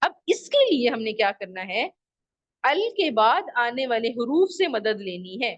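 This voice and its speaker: A woman's voice: a little high, big pitch swings, a little slow, no room sound, muffled recording. A woman teacher giving an online lesson to children, patiently repeating rules and examples and asking the class questions. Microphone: video call microphone.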